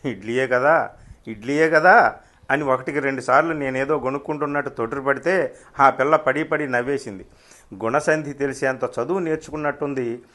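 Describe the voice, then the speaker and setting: A male author narrates his own short story in a wry, unhurried way. His voice sits at a middle pitch, and he reads like a seasoned storyteller. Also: fairly even intonation, fairly bright tone.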